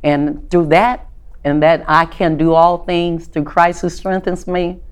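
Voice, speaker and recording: Low-voiced Southern woman, confident. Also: steady tone, measured pace, clean tone. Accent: Southern US, Tennessee. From Tennessee. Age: older. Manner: confident, upbeat, faith-filled, emphatic. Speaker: retired Secret Service agent, guest. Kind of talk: conversational interview storytelling.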